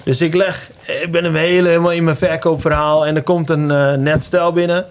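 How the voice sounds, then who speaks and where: A man's voice: on the high side, flat delivery, moderate pace. A man who runs a menswear shop, telling an anecdote in casual podcast chat with lots of fillers.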